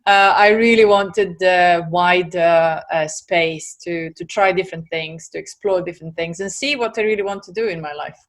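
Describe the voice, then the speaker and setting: A Serbian woman in her forties, speaking with a Serbian accent, appears as a guest entrepreneur in a casual interview chat about herself. Her voice is lowish and her pace moderate, with hardly any pauses, yet she hesitates often with fillers and laughs easily.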